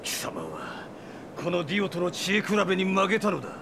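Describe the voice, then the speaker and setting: A man's voice: sits high, huge pitch swings, a little fast, gravelly, background noise, exaggerated voice. An actor playing a cruel, megalomaniac vampire villain in a Japanese audio drama, theatrical and gloating, drawing out his menace. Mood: gloating triumph. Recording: music bed under the voice.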